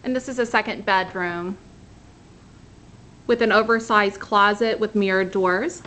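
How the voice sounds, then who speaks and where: This voice is medium in pitch, steady and fairly bright, unhurried, with slight background noise. It belongs to a woman in her thirties, a real estate agent, who films an upbeat walkthrough of a rental condo on a handheld camera, beginning outside at the front door and then heading through the empty rooms, pointing things out in each one.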